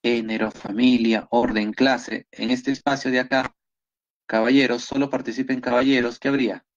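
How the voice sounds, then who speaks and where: A man with a Peruvian Spanish accent leads an online biology review class over a computer microphone. His voice sits at an ordinary middle pitch, and the audio comes through muffled and lo-fi. He keeps up a steady stream of approving feedback to his students. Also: normal speed. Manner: encouraging, repeats praise often. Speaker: biology teacher.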